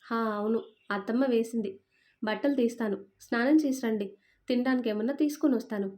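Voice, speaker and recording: A woman reading a storybook voicing a young wife who speaks softly and pleads with her husband. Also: a little high, fairly quick, lightly acted. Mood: polite. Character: young wife, patient and hurt.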